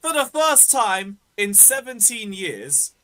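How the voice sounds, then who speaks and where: Animated high-voiced British man, bright tone. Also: slow. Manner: sweary, slangy, emphatic. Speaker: host of a football fan show. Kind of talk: casual banter.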